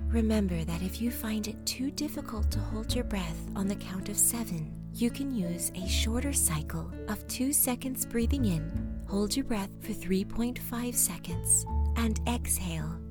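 A woman whispering a soothing guided meditation and a bedtime story in a slow, calm way. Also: mid-range voice, over loud music.

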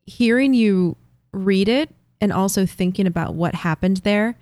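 A woman's voice: medium pitch, a little slow, a little mellow, no echo. A woman co-hosting a podcast, talking through story moments in an enthusiastic, reflective way. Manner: thoughtful, enthusiastic, laughs often. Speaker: podcast co-host. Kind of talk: casual chat, reflective commentary.

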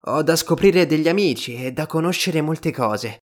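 A man's voice: fairly high pitch, lively intonation, moderate pace, pitched above the performer's own voice, natural voice. A man doing the little prince, an eager young boy. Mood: earnest. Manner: raised, eager, questioning tone.

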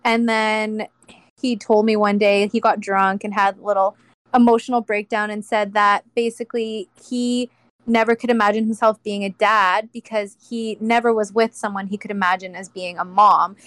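A woman's voice: medium pitch, little pitch movement, normal speed, a bit bright, no echo. A woman in her thirties, a podcast guest, talking in a casual, heartfelt way, with lots of fillers. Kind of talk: casual chat.

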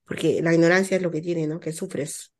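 A woman telling a personal story in casual chat, animated and full of repetitions and asides. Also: lowish voice, brisk. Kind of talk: casual chat about motherhood.

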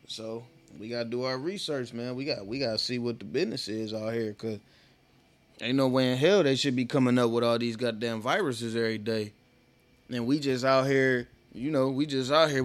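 A man's voice: medium pitch, a bit bright. A man hosting a casual solo podcast, rambling and profane, talking straight to his listeners. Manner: loose, profane, rambling, talks to listeners directly. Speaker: podcast host.

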